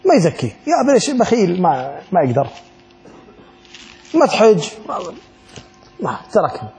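A man's voice: high voice, wildly swooping pitch, moderate pace, darkish tone. A middle-aged man with an Iraqi Arabic accent teaching a religious law class, asking the students questions and acting out little exchanges. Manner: asks the class rhetorical questions and acts out little dialogues. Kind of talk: classroom lesson on Islamic law.

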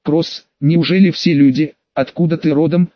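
A man's voice: fairly high pitch, fairly even intonation, normal speed, dry recording, dull audio, natural voice. A man voicing a cocky, teasing young male ship cook in a read-aloud story.

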